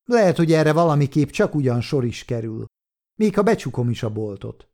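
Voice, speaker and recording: Sly cool shopkeeper guy in a storybook reading, a man doing him, calm and mocking, dark mellow voice. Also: fairly high pitch. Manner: calm, mocking, self-assured. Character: sly male shop owner, secretly a police detective, cool and challenging.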